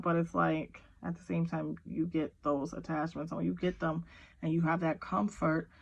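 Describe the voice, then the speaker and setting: Kids can be nearby as a woman does a relaxed tarot reading from home, addressing the viewer directly in a rambling, filler-heavy way. Her fairly low voice is creaky with a breathy edge, and the highs are cut off.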